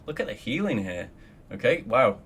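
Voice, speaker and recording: Sitting at his desk, a young Aussie guy rambles through a casual screen-recorded tutorial on raid logs for his guild, full of ums and an occasional swear word. His medium-pitched voice swings widely in pitch, fairly bright, at a moderate pace, with a little hiss or hum.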